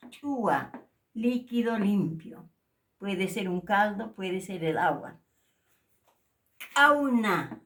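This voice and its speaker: Slow, deliberate woman teaching. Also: mid-range voice. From Peru. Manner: slow, deliberate, repeats and stresses each word louder. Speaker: Aymara language teacher. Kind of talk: slow language lesson with repeated example words. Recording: voice a little far from the mic.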